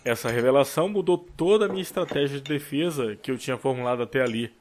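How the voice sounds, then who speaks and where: A man reading a story aloud as an audiobook narrator, in a steady storytelling manner. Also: mid-range voice, quick pace, a little hiss or hum. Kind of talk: scripted narration.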